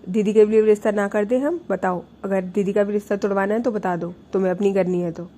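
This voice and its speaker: A woman's voice: mid-range voice, fairly even intonation, fast talker, dark tone, natural voice. A woman voicing a stern middle-aged mother who gives curt orders.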